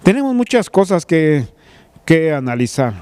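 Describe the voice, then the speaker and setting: A man's voice: on the high side, very animated, a little slow, a little mellow, clean tone. A man preaching a sermon, retelling a scripture story in a conversational way and speaking straight to the listener. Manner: addresses listener directly as "tú". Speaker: pastor.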